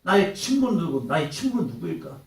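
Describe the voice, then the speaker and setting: A man preaching a sermon in a church, dramatic, swinging between loud outbursts and hushed lines and acting out quoted voices. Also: fairly high pitch, sing-song, fast talker. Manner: acts out taunting quotes in character. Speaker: pastor. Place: church hall. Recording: echoey hall, mic at a distance.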